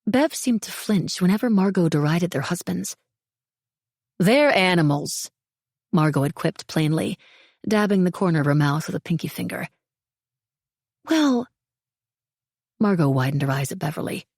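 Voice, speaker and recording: Woman, audiobook narrator, measured reading, dry close sound. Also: lowish voice, a little mellow, no room sound.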